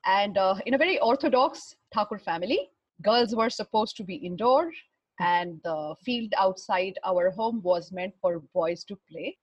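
A middle-aged woman from Bihar with an educated Indian accent, telling her life story in a halting, reflective way, searching for words. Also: mid-range voice, lively intonation, husky, no room sound, lo-fi sound. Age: 40s or older. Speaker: interview guest, runner and fitness trainer. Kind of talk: personal life story in conversation.

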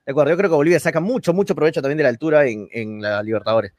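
A man with a Peruvian Spanish accent reads viewers' comments aloud on a casual sports talk show, laughing often as he goes. His voice sits a bit high for a man. The sound is dry and close, with no room echo. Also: very fast, a little mellow.

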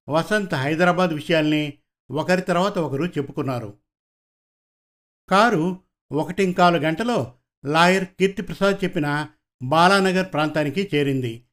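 A man reading a detective story aloud in an even, measured storytelling voice. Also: on the high side. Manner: even, measured storytelling, voicing characters' dialogue. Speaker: audiobook narrator. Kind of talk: scripted narration.

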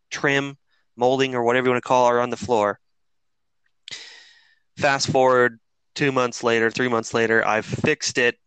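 A man's voice: mid-range voice, smooth, dry recording, rough recording. A middle-aged man telling a long story in casual chat, rambling and swearing freely with lots of fillers. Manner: profane, rambling, animated storyteller.

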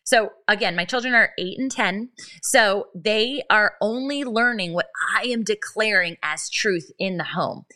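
On a live-streamed faith podcast, a thirtyish woman host speaks into a podcast mic with a mid-range, pushed, bright voice. Her storytelling is earnest and highly animated, and she keeps restarting her sentences.

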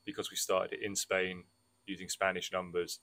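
A man's voice: deep voice, monotone, moderate pace, bright, forceful tone. A man co-hosting a podcast in casual chat, with a wry, self-mocking manner, laughing at his own jokes. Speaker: podcast co-host.

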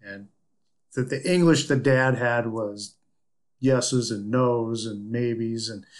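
A man's voice: mid-range voice, slow pace. Chatty male podcast host. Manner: chatty, tells anecdotes with many filler words. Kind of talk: casual interview chat.

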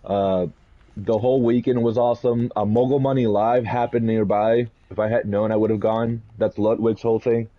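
A man from Puerto Rico co-hosting a podcast, telling stories in an animated, rambling way with quick laughs. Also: lowish voice, phone-quality sound. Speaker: podcast co-host. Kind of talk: casual chat.

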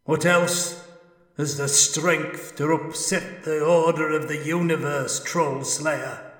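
A man's voice: fairly high pitch, fairly even intonation, slow, fairly bright tone, voice pushed up. A man voicing an ancient dwarf ghost who pleads in anguish, full of long suffering. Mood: solemn. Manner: mournful, echoing with ages of suffering.

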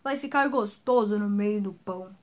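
A woman voicing a big, hungry, gullible male forest monster in a storybook reading, in a slow, booming, gloating voice. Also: darkish tone, close to an everyday voice.

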